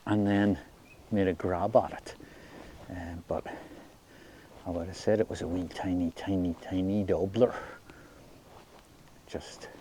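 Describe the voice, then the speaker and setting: A Scottish man chatting casually in an unhurried, low-key way, as if musing to himself while presenting his fishing outdoors. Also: fairly even intonation, warm tone. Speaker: angler presenting own fishing outing. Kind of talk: casual fishing vlog commentary. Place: outdoors by a loch. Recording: noisy outdoor ambience.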